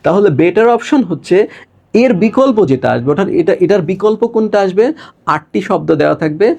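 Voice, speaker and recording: A young man from Bangladesh leads an exam-prep lesson in a gravelly, slightly high voice. He talks students through each step and keeps checking that they follow. When he writes on the board he slows down and stretches out his words. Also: expressive, a little mellow. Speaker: teacher.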